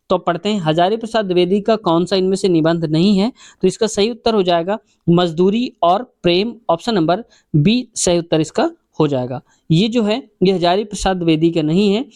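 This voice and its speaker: A man's voice: high-pitched, darkish tone, dry recording. A male teacher explains exam answers step by step. He often restates the question number before he works through it. The sound is dry and close.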